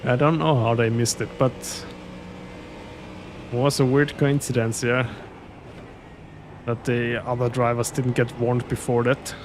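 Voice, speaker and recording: A man's voice: mid-range voice, little pitch movement, unhurried, pauses often, background noise. A man from Austria with an Austrian German accent, a German native speaker, chatting casually with viewers as a sim racing streamer and chuckling often. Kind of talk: casual live-stream chat.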